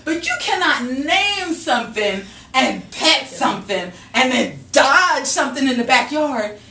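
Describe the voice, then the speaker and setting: A woman telling a comic story live, laughing through it and going shrill when she quotes herself. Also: expressive, a little slow, vocal fry, bright, forceful tone. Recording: roomy, distant mic with noise.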